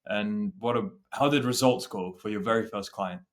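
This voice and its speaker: A man's voice: lowish voice, normal speed. A man hosting an interview, giving short prompts and follow-up questions. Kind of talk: casual interview.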